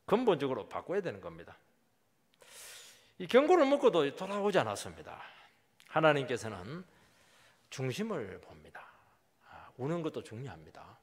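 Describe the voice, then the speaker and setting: A middle-aged man preaching a sermon as pastor, emphatic, his voice swinging from loud highs to quiet drops. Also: huge pitch swings, normal speed, long pauses. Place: church sanctuary. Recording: long hall reverb.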